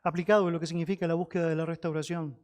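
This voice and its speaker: A male pastor preaching a sermon. He climbs high and loud to stress a point, then drops soft to repeat key phrases. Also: flat delivery, racing. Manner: rises sharply in pitch and volume for emphasis, drops low to repeat key phrases.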